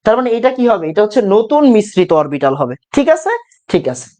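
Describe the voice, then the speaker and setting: A male teacher runs an exam-prep chemistry lecture. His voice sits high and swings widely in pitch. He drills each point by repeating it and by asking questions that he then answers himself. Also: big pitch swings, quick pace, warm tone. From Bangladesh. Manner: repeats key phrases, asks questions and answers them himself.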